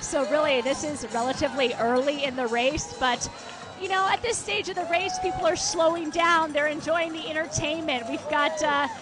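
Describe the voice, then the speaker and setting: A woman's voice: sits high, fairly even intonation, moderate pace, crowd noise. A woman working as a roving field reporter, giving live race coverage from a city street. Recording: outdoor street broadcast with music. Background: clear music.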